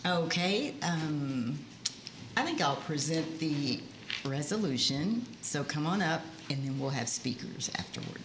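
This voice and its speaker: Female county official, low voice, formal public-meeting delivery, echoey noisy room. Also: expressive, unhurried. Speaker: county commissioner. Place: government meeting chamber, indoors.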